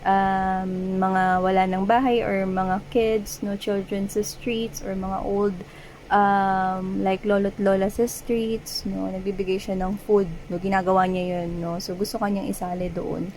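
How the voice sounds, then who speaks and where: A woman's voice: mid-range voice, flat delivery, measured pace, darkish tone, slight background noise, rough recording. A woman with a Filipino accent giving a casual tarot reading, chatting in mixed Tagalog and English and often tagging her sentences with "no?". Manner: chatty, frequent "no?" tag questions, mixes English and Tagalog. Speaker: tarot reader.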